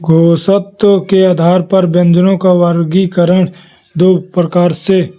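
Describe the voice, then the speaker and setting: A man's voice: sits high, flat delivery, slow pace, dark tone. A man giving an exam revision lesson, reading his notes aloud and listing letters one by one. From India. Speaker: teacher.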